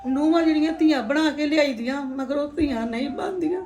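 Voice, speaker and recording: A woman's voice: high-pitched, a little fast, darkish tone, lightly acted. A woman playing an elderly mother in a family drama, lamenting sorrowfully that her sons have neglected her. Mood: tearful. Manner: lamenting, sorrowful, breaks into tears. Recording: echoey room, mic far off, music behind.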